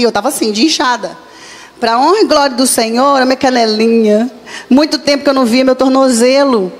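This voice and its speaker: A Brazilian woman pastor preaching to a church, telling a personal testimony with animated storytelling and acted-out dialogue. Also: high voice. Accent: Brazilian Portuguese. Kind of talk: testimony sermon.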